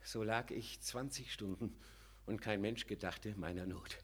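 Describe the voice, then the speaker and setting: A starved old father rises out of darkness in a classic radio play, his voice husky and worn thin. He pleads and laments, swelling from broken murmurs to desperate cries. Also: lowish voice, a little slow. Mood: mournful. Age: older.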